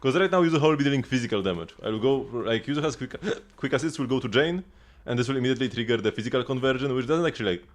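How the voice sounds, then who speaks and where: A man's voice: medium pitch, expressive, rapid-fire, few pauses. A man livestreaming a video game, chatting casually and explaining team strategy in a rambling way with frequent restarts.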